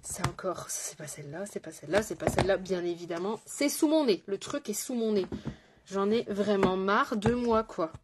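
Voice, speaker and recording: A woman's voice: medium pitch, expressive, moderate pace, heavy background noise. French makeup lady chatting on a live, greets everyone, pokes fun at herself. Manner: chatty, greets viewers, self-mocking asides. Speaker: makeup artist livestreaming a tutorial. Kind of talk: casual live makeup chat.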